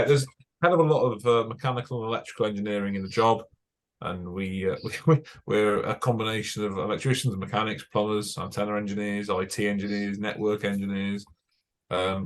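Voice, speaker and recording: In a club meeting room, a young British broadcast engineer gives an informal technical talk to a radio club. His voice is on the low side, and he's chatty, correcting himself and using many fillers.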